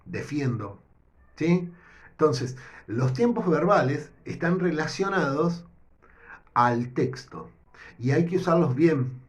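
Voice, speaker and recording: Slow, patient Rioplatense male teacher. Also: on the high side. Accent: Rioplatense Spanish. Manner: patient, explains step by step, checks in with "¿sí?". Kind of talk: recorded language lesson. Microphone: no whiteboard, improvising with notes.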